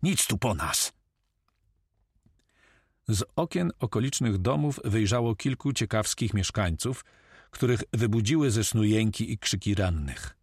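Husky low-voiced male storyteller. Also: darkish tone, no echo, studio quality. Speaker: audiobook narrator. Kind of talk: scripted narration of an adventure novel.

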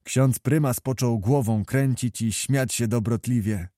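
Man, audiobook narration, measured storytelling, mellow dark voice, dry. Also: mid-range voice, no room sound. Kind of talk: scripted narration.

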